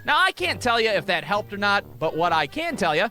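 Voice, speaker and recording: Male comic storyteller, high voice with big swings, crude and exaggerated delivery. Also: very animated, fairly quick, music in the background. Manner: crude, exaggerated, acts out dialogue. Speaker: comedic storyteller. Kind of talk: animated comic storytelling, profane and casual.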